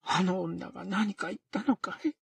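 A man voicing a frantic, hot-tempered woman neighbor from an old period tale, in a coarse and shrill manner. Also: moderate pace, gravelly, breathy edge, no echo, heavily acted. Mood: furious. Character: frantic middle-aged woman tenement neighbor.

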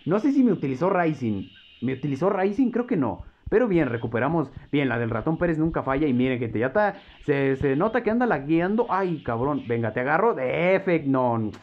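Excitable gamer, slightly high voice. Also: male voice, brisk, muffled recording. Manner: excitable, swears and jokes at opponent. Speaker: gameplay commentator. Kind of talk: live mobile gameplay commentary.

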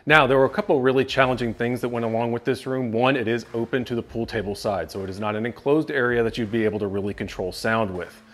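A fast-talking man with a medium pitch and fairly bright tone barely pauses as he tours his home basement for the camera. The upbeat tech reviewer, in his thirties, gestures with his hands while walking, recorded indoors on a clip-on lapel mic.

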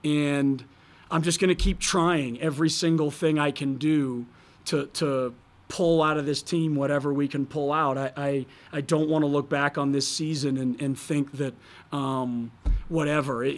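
A man's voice: on the high side, fairly even intonation, moderate pace. A man in his thirties, a basketball head coach answering reporters candidly at a post-game press conference, speaking into a table microphone with many fillers and restarts. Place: press conference room, in front of a sponsor backdrop.

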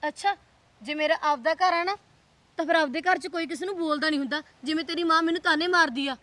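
A woman's voice: high-pitched, fast talker, pushed and bright, dry recording. A young actress with a Punjabi accent playing a girlfriend who scolds her partner sharply and makes demands. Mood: angry. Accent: Punjabi (Malwa). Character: sulky young woman scolding her boyfriend. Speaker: actor in a short film.

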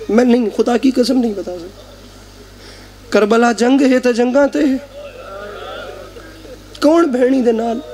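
A man with a Punjabi accent delivering a mourning sermon at a live gathering, full of fervent emotion. His voice sits notably high for a man, and he leans into each line with pleading intensity. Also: a little mellow. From Pakistan. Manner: emotional, repeatedly swearing by God, mixing Urdu and Punjabi. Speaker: zakir reciting at a mourning majlis. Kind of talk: impassioned mourning sermon recitation.

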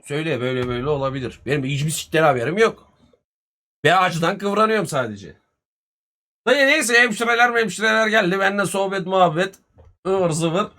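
A man, telling a story casually on a live stream, animated and full of swearing and reported speech. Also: high voice, brisk. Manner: profane, animated retelling with much reported speech.

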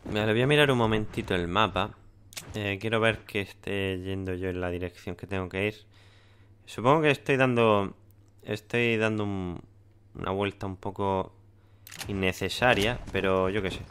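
A man's voice: on the low side, normal speed, a bit bright, clear, resonant tone. A man with a Spanish accent from Spain giving casual, chatty gameplay commentary and thinking aloud.

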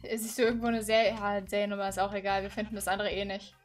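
A woman's voice: medium pitch, flat delivery, fast, soft background music. A woman in her twenties doing casual, improvised role-play as a police officer in a game, talking in a conversational, hesitant way. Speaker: gamer playing a police officer.

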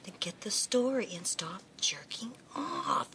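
A woman's voice: medium pitch, animated, normal speed, close to an everyday voice. Blunt woman news boss, as an actress plays her, scolding, with faint background hum. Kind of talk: scripted comedy series acting.

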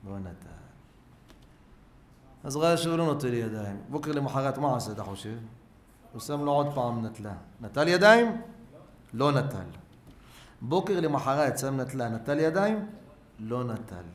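A man preaching as a rabbi, spinning a parable with dramatic swings from loud calls to near-whispers. His mid-pitched voice rings through a roomy synagogue hall over a faint background noise. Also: expressive, long pauses. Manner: dramatic storyteller, swings between loud cries and hushed asides. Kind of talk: sermon with storytelling.

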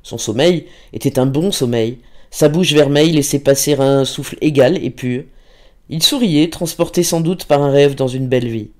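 A man with a mid-range voice narrates a classic novel as an audiobook reader, measured and expressive.

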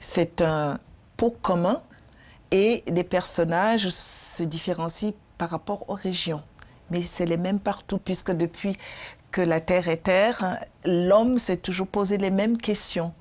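An older woman, a storyteller invited on a TV talk show, explaining calmly with a lapel mic in the studio. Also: on the low side, slow pace. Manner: calm, explanatory. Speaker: storyteller guest. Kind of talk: studio interview. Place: TV studio, indoors.

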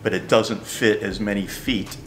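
A man's voice: on the low side, steady tone, unhurried, fairly bright tone, slight background noise. Older man explaining shoes patiently. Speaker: bowling shoe company representative. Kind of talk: product explanation. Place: bowling shoe store, indoors.

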